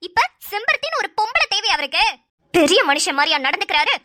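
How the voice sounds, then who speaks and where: Sly, spiteful young bride in a cartoon; very high, bright tone. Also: female voice, very animated, quick pace, exaggerated voice. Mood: scornful scheming. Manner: fake sobbing in a high voice. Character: scheming newlywed young woman, spiteful and sly. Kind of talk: cartoon voice acting.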